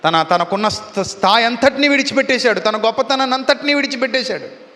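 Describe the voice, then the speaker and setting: Fervent high-voiced man preaching. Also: expressive, fast talker, sharp tone. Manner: fervent, emphatic repetition. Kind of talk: sermon. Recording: long hall reverb.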